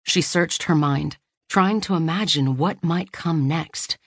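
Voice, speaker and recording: Woman audiobook narrator, low voice, dry close studio sound, measured pace. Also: no echo. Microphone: close studio mic.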